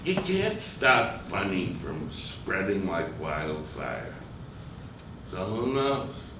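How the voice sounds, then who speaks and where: A man's voice: deep voice, sing-song, very slow, far from the mic, background noise. An older man performing a wry, reflective comic monologue on a theater stage, recorded from afar in an echoey theater.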